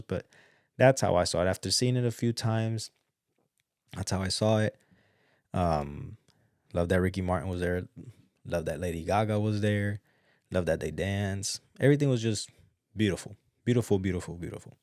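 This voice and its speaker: Very deep-voiced chatty man, dry close sound. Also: dry recording. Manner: chatty, repeats words, excitable bursts. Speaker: podcast host. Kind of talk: casual solo commentary.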